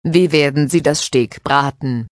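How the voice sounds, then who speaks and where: Woman narrator, slow deliberate textbook reading, dry close mic. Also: deep voice, no room sound. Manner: measured, clear, textbook reading. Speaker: reader of a language-learning story. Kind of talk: slow scripted narration with comprehension questions.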